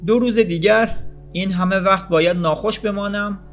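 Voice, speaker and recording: An eager, wide-eyed little boy from a storybook, stuck in bed and full of questions, as a male narrator acts him out. The voice jumps high above the narrator's own and comes out louder and brighter. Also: fairly even intonation, faint music behind. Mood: curious.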